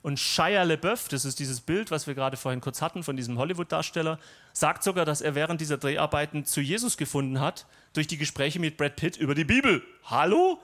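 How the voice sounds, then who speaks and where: A man's voice: a little high, expressive, a little fast, a bit bright. A man preaching a sermon in a conversational, personal and lightly humorous way.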